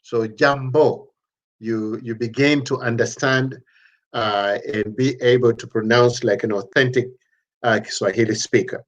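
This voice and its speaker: A man's voice: medium pitch, steady tone. A man teaching an introductory online language lesson, patiently sounding out syllables and often restarting his sentences. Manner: patient, repeats syllables slowly, many restarts. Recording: slightly dull lo-fi audio.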